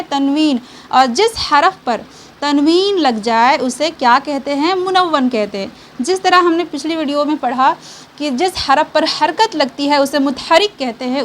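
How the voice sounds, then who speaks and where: A high-voiced woman gives a patient, step-by-step online reading lesson. She asks a question, answers it herself, and checks in with learners again and again. A faint hiss sits under her voice. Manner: reassuring, checks in with frequent okays. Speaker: Quran reading teacher.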